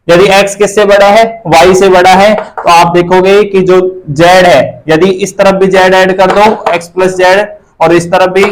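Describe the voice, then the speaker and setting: Guy teaching math class, keeps asking then answering himself, bit higher voice. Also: low-quality recording. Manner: asks and answers his own questions, repeats terms.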